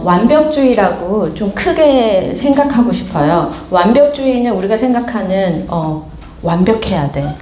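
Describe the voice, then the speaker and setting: Woman lecturing lively in an echoey room. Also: medium pitch. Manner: lively, asks the audience questions, acts out quoted scolding. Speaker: seminar speaker. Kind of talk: informal seminar talk to an audience. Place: gallery studio seminar room. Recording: echoey room with faint background noise.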